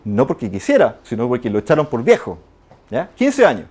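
A middle-aged man from Chile with a Chilean Spanish accent, giving an animated conference talk, peppering it with tag questions and acted-out quotes. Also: medium pitch, fairly quick. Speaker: conference speaker.

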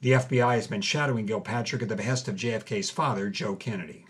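A man with a fairly low, husky voice speaks fast as a co-host narrating a story. His scripted narration comes with chatty asides, and he reads old headlines aloud with wry relish.

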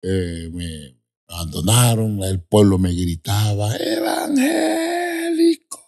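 A man with a somewhat low, husky voice recounts his conversion story in an interview. He speaks emphatically, leans on repeated words and suddenly lifts into high, stretched tones when he quotes the people in his story. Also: measured pace, a little mellow. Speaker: apostle sharing his testimony. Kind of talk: personal testimony storytelling.

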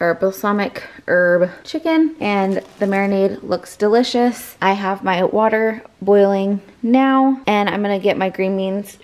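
With a medium-pitched, darkish voice, a home cook vlogger in her forties casually narrates while she cooks in her kitchen, easygoing and chatty with many restarts and mid-sentence corrections. She holds her phone in hand to record as she moves around the counters.

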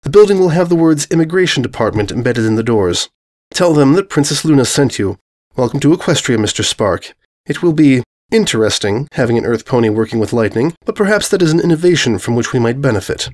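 A man's voice: medium pitch, lively intonation, fairly quick, darkish tone, close to an everyday voice. Man voicing formal, dry Princess Luna. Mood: composed, formal. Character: stately dark-blue pony princess, dry and grave.

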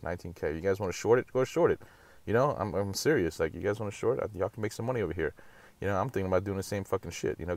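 Fast-talking, deep-voiced man ranting profanely. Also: no room sound. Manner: profane, rapid, ranting, mocks others in high voices. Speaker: crypto market commentator. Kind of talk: casual chart-analysis rant.

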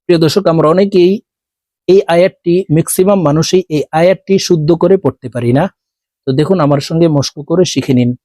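A man with a Bangladeshi Bengali accent teaching Quran recitation, spelling out each letter slowly and chanting the verses in long drawn-out tones. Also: fairly high pitch, dark tone, no echo, studio quality. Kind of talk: spelling out and reciting a short surah.

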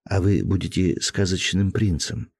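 A man's voice: low voice, fairly even intonation, a little slow, creaky, breathy edge, no room sound, full character voice. A man voicing a spirited young noblewoman in an audiobook, teasing in one scene and cold and firm in another. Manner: lightly mocking, then cold and firm.

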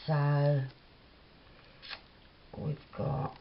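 A woman's voice: low voice, completely flat delivery, extremely slow, creaky, highs cut off, a little hiss or hum. A woman with a Cockney accent chatting and thinking aloud as she works at her craft desk. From London. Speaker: craft vlogger. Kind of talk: casual crafting tutorial.

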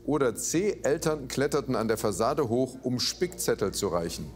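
A man's voice: mid-range voice, very animated, normal speed, faint music behind. Middle-aged man hosting a quiz. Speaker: quiz show host. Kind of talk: reading quiz questions. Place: large TV studio.

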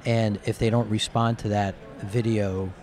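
A middle-aged man from New Jersey speaks low into a handheld mic, his voice hoarse and raspy as if nearly used up. He talks casually and rambles as a colloquial interview guest. Clear background noise surrounds him. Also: little pitch movement, a little slow, a little mellow. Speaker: interview guest, company executive. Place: curtained booth at a convention. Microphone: handheld microphone held close, with headphones.

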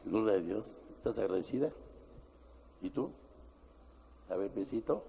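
A middle-aged man preaching a sermon as pastor, forceful and emphatic, swinging from shouts to low asides. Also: lively intonation, unhurried, vocal fry, slight background noise. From Mexico. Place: church. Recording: church hall with long reverb.

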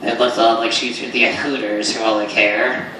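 A man's voice: fairly low pitch, little pitch movement, normal speed, lightly acted. Man as wisecracking puppet creature, ventriloquism comedy, lips barely moving, teasing, distant mic, noisy room. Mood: cocky storytelling. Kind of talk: live ventriloquism comedy act. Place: small indoor comedy stage, filmed from the audience. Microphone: stage mic picked up by far camera. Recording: echoey noisy hall, distant camera mic.

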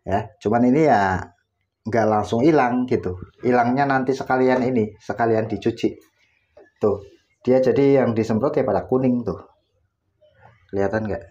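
This laundry tutorial host explains things step by step in a casual how-to demo, recorded indoors in his home laundry area. His mellow, medium-pitched voice moves at a normal speed with long pauses, and the audio has its highs cut off.

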